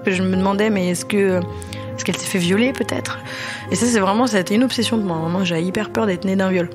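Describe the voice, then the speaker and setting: A woman in her thirties telling her personal story in an interview, lively and informal. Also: mid-range voice, music in the background. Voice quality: lively, informal, fast bursts. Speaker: interviewee, singer.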